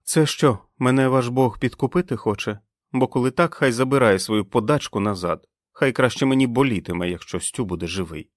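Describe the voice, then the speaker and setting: A man's voice: sits low, level tone, brisk, hardly any pauses, dry recording, clean studio sound. A man voicing a fierce, defiant young woman who speaks sharply and angrily, in an audiobook. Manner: sharp, furious, raised. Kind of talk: audiobook character voice.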